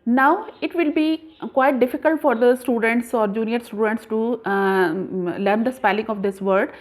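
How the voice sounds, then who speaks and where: A woman teaching a grammar lesson patiently, spelling words out letter by letter with frequent pauses. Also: a little high. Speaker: English teacher.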